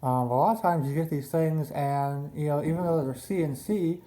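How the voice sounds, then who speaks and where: A man's voice: a little high, normal speed, warm tone. A man talking casually in a hobby vlog, his articulation thick and slurred from a swollen tongue. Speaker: RC boat hobbyist showing a build.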